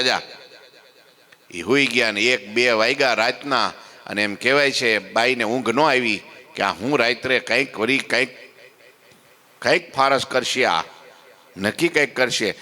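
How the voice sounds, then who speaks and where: Animated male preacher in an echoing hall. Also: medium pitch, normal speed. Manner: animated, acts out voices. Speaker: katha preacher. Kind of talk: storytelling sermon.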